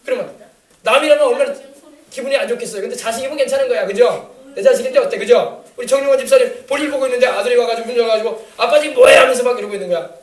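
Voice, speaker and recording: Fast, high-voiced pastor in an echoey church. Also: male voice, a little mellow. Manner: emphatic, repetitive, exhorting. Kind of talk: sermon with call-and-response. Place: church sanctuary. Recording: echoey room, mic at a distance.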